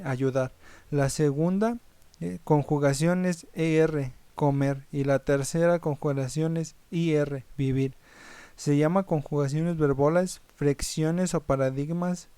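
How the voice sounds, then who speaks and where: A man's voice: on the high side, a little mellow, clear, resonant tone, no room sound. A man reading a lesson point by point, sometimes correcting small slips mid-word. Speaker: presenter of a grammar lesson. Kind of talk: read-aloud lesson narration.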